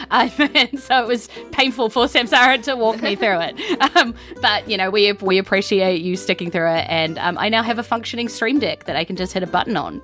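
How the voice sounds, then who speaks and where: Faint music plays behind a woman with a New Zealand accent as she narrates a live-streamed tabletop game and gives a chatty sign-off as game master and podcast host. Her voice is fairly low-pitched and a bit bright, and her style is casual, rambling and self-deprecating.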